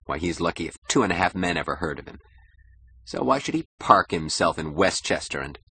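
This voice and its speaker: Man performing insecure young husband, eager and bragging, audiobook character, husky tone. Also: low voice, animated, brisk, bright, forceful tone, full character voice. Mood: boastful. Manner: eager, boastful, nervously defensive.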